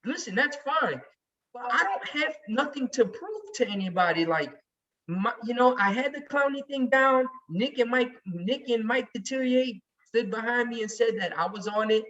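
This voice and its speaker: A man's voice: very high voice, expressive, moderate pace, sharp tone. A man talking emphatically and heatedly in casual chat as a regular on a sports podcast. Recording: distant, muffled recording.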